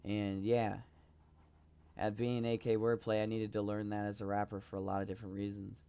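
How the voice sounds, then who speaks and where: Young male podcaster, smooth clear voice, hesitant and self-promoting, flat delivery. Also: on the low side, moderate pace. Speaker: rapper hosting his own podcast. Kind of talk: casual solo podcast talk.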